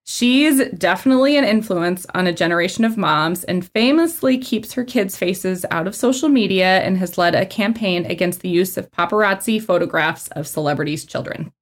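A woman's voice: on the low side, lively intonation, moderate pace, hardly any pauses. Chatty woman podcast co-host. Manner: chatty, reads entries aloud with little asides. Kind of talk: casual chat, reading a list.

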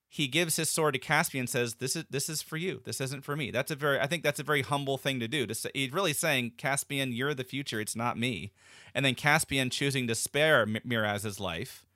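A man's voice: medium pitch, pushed and bright, no echo, clean studio sound. A man co-hosting a podcast, talking things through thoughtfully with many fillers and restarts. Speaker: podcast co-host. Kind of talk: casual discussion.

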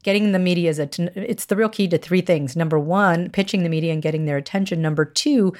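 A woman hosting a podcast as a media coach, giving instructional advice in a clear, measured way. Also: on the low side, a little mellow.

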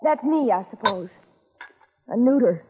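A woman's voice: fairly high pitch, animated, a little slow, noisy background. An actress playing a chirpy young female secretary in a 1940s radio drama, wide-eyed and eager, on a dull old transcription. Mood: admiring.

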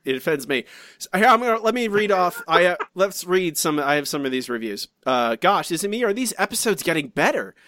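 A podcast co-host with a rather high voice reads listener comments a little fast, chatty and animated, often restarting and wandering into asides. The recording is dry and studio quality.

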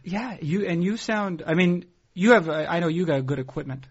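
A man hosting a casual podcast in a halting, dry deadpan way. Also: high-pitched, husky, highs cut off. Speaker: podcast host.

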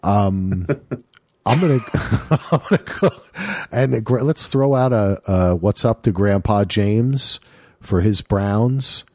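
Lively man hosting a sports podcast. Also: deep voice, no room sound, studio quality. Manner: lively, rambling, chuckling asides. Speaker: podcast host. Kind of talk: casual sports chat.

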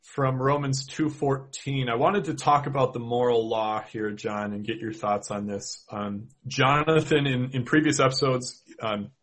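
A man with a Minnesota accent speaks at an ordinary middle pitch. He works through his points slowly, pausing on fillers and restarting his sentences. It sounds like a relaxed podcast discussion. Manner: thoughtful, many fillers and restarts. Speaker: podcast co-host. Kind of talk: casual theological discussion.

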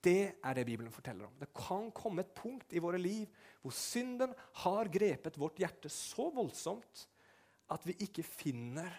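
A man's voice: sits high, big pitch swings, a little mellow. A man preaching a sermon, retelling a story vividly and briefly acting out the figures' lines.

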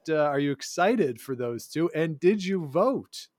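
A man's voice: on the high side, animated, a little slow, a little mellow, dry recording, studio quality. A man co-hosting a casual sports podcast, talking with wry sarcasm and chuckling asides. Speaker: podcast co-host.

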